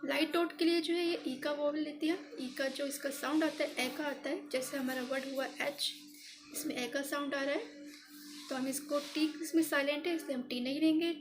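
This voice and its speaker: High-voiced woman teaching patiently. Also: fairly even intonation, noisy background. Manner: patient, repeats each step slowly. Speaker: shorthand teacher. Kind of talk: step-by-step tutorial explanation.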